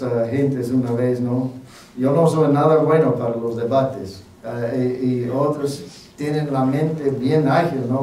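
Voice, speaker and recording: A male pastor preaching a sermon in an unhurried, folksy, self-deprecating way, with many fillers. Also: mid-range voice, a little mellow. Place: church sanctuary. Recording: very echoey church, mic at a distance.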